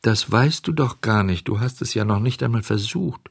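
A patient, motherly fairy coaxes and gently scolds, as a man puts her on. The voice is raised a little above the reader's own, husky and gravelly. It is a dry, close storybook reading. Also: on the low side, normal speed, no room sound, voice pushed up. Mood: coaxing. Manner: gentle, coaxing, admonishing.

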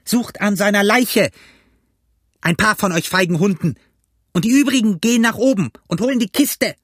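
A man's voice: high-pitched, moderate pace, a bit bright, breathy edge, dry recording, studio quality, voice pushed up. A man voicing a furious blind old pirate beggar who shrieks curses and barks orders at his gang. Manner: shrieking, cursing, barking orders. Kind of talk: audiobook character voice.

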